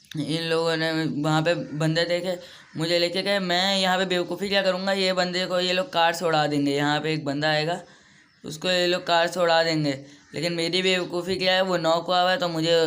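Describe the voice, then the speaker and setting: A man's voice: a little high, fairly bright tone. Chatty young man narrating gameplay. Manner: chatty, rambling, self-deprecating. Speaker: gaming YouTuber. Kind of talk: casual gameplay commentary.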